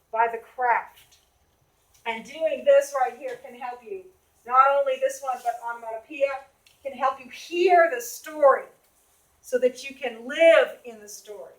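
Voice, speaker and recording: A woman teacher with a Boston accent runs a classroom reading lesson, quizzing students by name. Her voice sits high and sounds bright and sharp. The room around her rings with echo. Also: normal speed. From Boston area. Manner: questioning, calls on students by name. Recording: echoey classroom.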